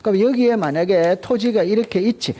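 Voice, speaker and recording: A male lecturer with a high but mellow voice leads a classroom drill. He repeats key terms, asks quick check questions, and cues students to answer aloud together. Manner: drills students with call-and-response, prompting "시작". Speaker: real estate exam lecturer.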